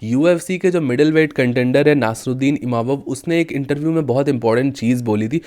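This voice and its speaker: A man's voice: medium pitch, brisk, darkish tone. A young man giving casual combat sports commentary, chatting with viewers and often addressing them as brothers.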